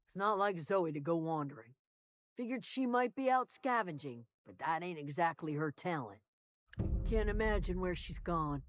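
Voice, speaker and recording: Guarded, blunt woman camp guard acted, swinging pitch. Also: animated, moderate pace, no room sound, natural voice. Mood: worried, blunt. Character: guarded, worried woman keeping watch over a camp. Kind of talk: video game dialogue.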